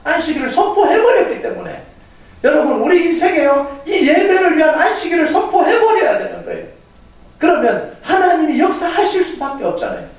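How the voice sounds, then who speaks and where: A male pastor preaching a Sunday sermon with animated delivery, chuckling and posing questions to the congregation in a church sanctuary. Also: very high-pitched, fairly quick. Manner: animated, talks straight to the congregation with rhetorical questions; chuckles through his points. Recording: echoey hall heard from a distance.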